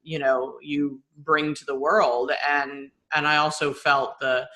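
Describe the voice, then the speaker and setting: Woman podcast host, bright sharp voice, chatty and effusive. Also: low voice, flat delivery, slow pace. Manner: effusive, rambling, many fillers and restarts. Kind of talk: casual podcast interview.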